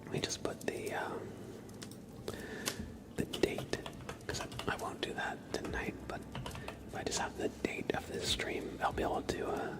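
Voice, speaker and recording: In a gentle, breathy whisper, an ASMR livestreamer chats casually with viewers. He speaks informally, rambling and stopping and starting.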